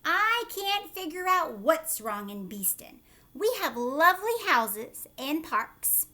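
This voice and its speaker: A woman's voice: sits high, very animated, slow, sharp tone, pitched above the performer's own voice, exaggerated voice. A woman voicing a worried, well-meaning hippo mayor in a storybook, puzzled and emphatic.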